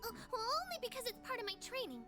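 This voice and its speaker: Snooty cat familiar girl, super high n swoopy, grudging, game music behind. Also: sing-song, quick pace. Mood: grudging, haughty. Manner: haughty, put-upon, dry. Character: haughty, reluctant cat familiar in human girl form. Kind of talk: video game voice acting. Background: clear game music.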